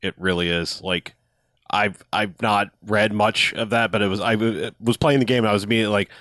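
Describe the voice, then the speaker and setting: Young man, lowish voice, excitable rambling chat, dry close recording. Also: brisk, dry recording. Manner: enthusiastic, rambling with restarts and swearing. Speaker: podcast co-host. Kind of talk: casual chat about a video game.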